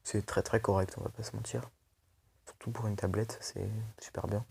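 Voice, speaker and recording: A man's voice: lowish voice, level tone, normal speed, vocal fry, warm tone, a little hiss or hum. A young man casually reviewing a tablet for his video channel, chatty and loose, full of fillers and restarts. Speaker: tech video host.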